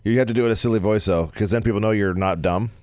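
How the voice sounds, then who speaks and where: A man's voice: fairly low pitch, fast talker, darkish tone. A man co-hosting a radio show in casual chat, teasing and playful, and he slips into silly voices. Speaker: radio co-host.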